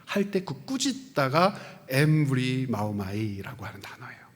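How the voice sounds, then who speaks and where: A male pastor preaching a sermon. He asks the congregation questions and answers them himself, and he swings from loud, stressed peaks down to hushed, near-whispered lines. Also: medium pitch, big pitch swings, normal speed. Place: church sanctuary. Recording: long church reverb.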